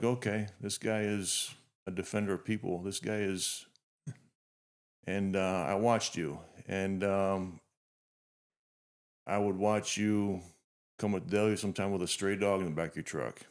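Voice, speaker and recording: This fifty-year-old podcast host opens a heartfelt interview by speaking earnestly and reflectively to his guest, often restarting his sentences. His voice is fairly low and fairly even in intonation, with a moderate pace and frequent pauses.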